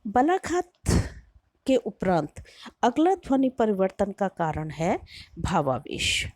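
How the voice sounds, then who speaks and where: A woman giving a university lecture in a slow, measured, explanatory way, drawing out her example words. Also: mid-range voice, sing-song, darkish tone. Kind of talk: recorded lecture.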